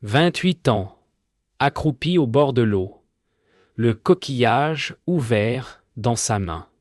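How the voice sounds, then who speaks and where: A man narrating a fairy tale in a solemn, measured way. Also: mid-range voice, expressive, darkish tone, no echo, studio quality. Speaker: storyteller.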